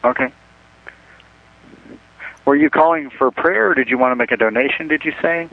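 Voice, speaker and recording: A man's voice: a little high, animated, moderate pace, vocal fry, dry recording. A man working a ministry order line, heard over a phone line, polite, patient and apologetic with a caller. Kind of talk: customer service phone call. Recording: tinny, dry phone line.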